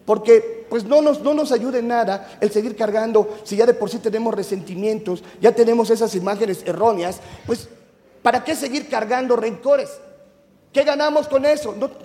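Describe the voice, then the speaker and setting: High-voiced, gravelly Mexican youth preacher. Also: male voice, dark tone. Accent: Mexican Spanish. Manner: chatty, teasing, quizzes the audience. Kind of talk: youth sermon to a live congregation. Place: church hall. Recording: echoey hall with long reverb.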